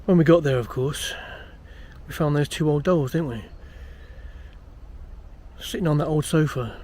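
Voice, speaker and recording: A man's voice: a little high, unhurried, a little mellow. A British man acting as a boastful, uneasy amateur ghost hunter, rambling self-importantly to camera in a found-footage horror film. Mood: reminiscing, aggrieved. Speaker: paranormal investigator presenting a documentary.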